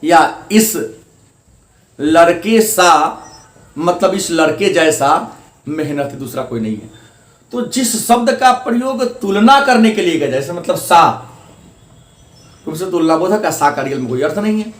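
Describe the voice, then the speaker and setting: Male teacher, high register, patient and repetitive delivery; distant mic in a roomy, echoing classroom. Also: expressive. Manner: repeats definitions slowly, stretching out example sentences. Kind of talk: classroom grammar lesson. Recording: echoey room, voice from a distance.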